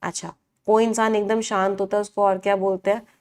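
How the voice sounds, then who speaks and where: A woman's voice: mid-range voice, level tone, brisk, darkish tone. A woman teaching English vocabulary in a live online class, asking the class questions, answering them herself and repeating each meaning.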